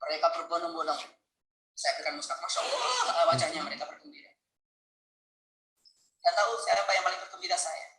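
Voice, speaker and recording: A man preaching a sermon, telling a story with deep emotion and speaking straight to his listeners. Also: steady tone, quick pace, long pauses, bright, forceful tone, reverberant, slight background noise, rough recording. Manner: emotional, earnest storytelling, addresses listeners directly. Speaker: Islamic preacher. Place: mosque hall.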